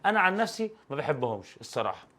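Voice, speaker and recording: High-voiced Egyptian Arabic teacher. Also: male voice, very fast. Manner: animated and joking, full of rhetorical questions. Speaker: English teacher. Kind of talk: exam review lesson.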